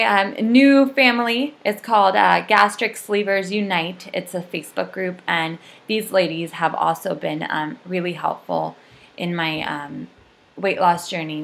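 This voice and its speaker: A woman's voice: fairly low pitch, vocal fry, a bit bright. A young adult woman giving a casual, rambling video update, full of ums and likes. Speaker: vlogger.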